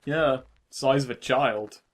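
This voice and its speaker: A man's voice: mid-range voice, takes it slowly. A man from the UK giving casual, laid-back game commentary, swearing freely and laughing often.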